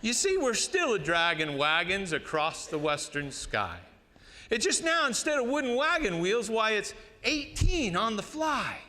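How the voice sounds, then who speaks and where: A man with an American West cowboy twang recites cowboy poetry in a folksy drawl with dramatic pauses. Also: sits high, wildly swooping pitch, sharp tone. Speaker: cowboy poet. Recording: reverberant hall.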